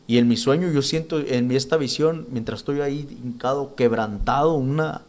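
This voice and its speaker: Casting: male church minister, mid pitch, earnest, stop-start testimony delivery. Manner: earnest, halting, with many restarts and repeated words. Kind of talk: spoken testimony.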